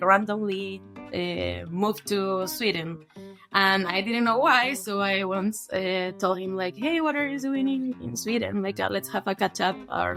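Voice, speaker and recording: On a podcast, a young woman from Peru recounts her story chattily, using lots of filler words. Her voice is medium in pitch and a little bright.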